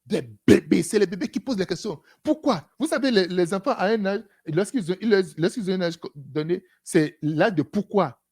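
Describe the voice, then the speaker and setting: A preacher giving an animated sermon, breaking it up with frequent hallelujahs and acted-out exchanges. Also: medium pitch, normal speed, few pauses, slightly rough. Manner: animated, repeats "Alléluia", acts out dialogues.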